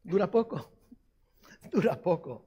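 Man preaching a sermon, high voice, emphatic and repetitive, questions to the crowd. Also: lively intonation, measured pace, dark tone, husky, highs cut off. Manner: emphatic, repeats key phrases, asks the congregation questions.

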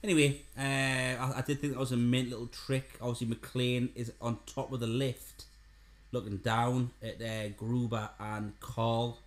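A man's voice: medium pitch, level tone, a little slow. Man, casual podcast co-host, roomy recording. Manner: chatty, repeats himself, frequent "aye". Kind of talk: casual film chat. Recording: roomy echo.

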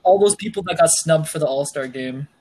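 A teenage boy co-hosting a casual student podcast, bantering quickly and laughing often. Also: on the high side, a crowd in the background. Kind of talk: casual chat.

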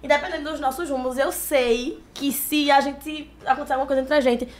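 A woman's voice: high voice, fairly even intonation, a little fast, slight background noise. A woman, a podcast guest speaking in a heartfelt, emphatic way in casual chat. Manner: heartfelt, emphatic, uses fillers like "tipo".

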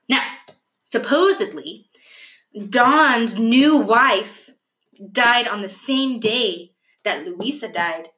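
A young woman tells a folk tale on a podcast in a loose, rambling way, her pitch leaping and falling and her laugh never far away. Her voice sits a little high. The room gives it a clear echo. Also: drawn-out words, long pauses. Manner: rambling, animated, laughs often. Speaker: podcast co-host. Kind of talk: casual storytelling chat. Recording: echoey room.

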